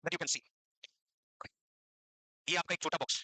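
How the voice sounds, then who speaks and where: A man's voice: fairly high pitch, fairly even intonation, a little slow, pushed and bright, no room sound, low-quality recording. A man teaching a classroom lecture for nursing exam students, mixing English terms into his Hindi, repeating key points and quizzing the class.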